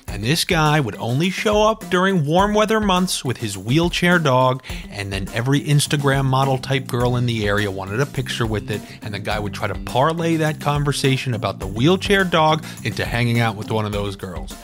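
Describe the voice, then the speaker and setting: New guy ranting on his podcast, sarcastic, makes fun of himself, regular pitched voice. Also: animated, normal speed, hardly any pauses, fairly bright tone, soft background music. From New York. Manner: sarcastic, ranting, self-deprecating. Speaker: podcast host. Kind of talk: solo comedic podcast monologue.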